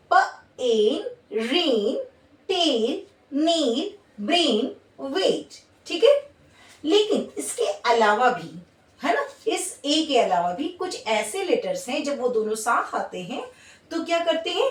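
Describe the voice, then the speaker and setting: A high-pitched woman with wide swings in pitch teaches a phonics lesson, sounding roomy and distant from the mic. She slowly sounds out letters one at a time and asks "ठीक है?" after each point, classroom style.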